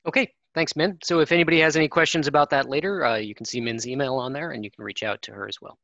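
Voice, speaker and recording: A man chairing a technical committee meeting on a conference call, halting with many fillers. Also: mid-range voice, creaky, a bit bright, no echo, highs cut off.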